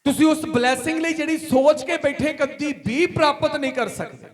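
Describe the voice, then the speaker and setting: Punjabi-accented male pastor, very high voice, emphatic repetitive sermon delivery. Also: fairly even intonation, moderate pace. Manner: preaching with rising emphatic questions and repetition. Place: church hall.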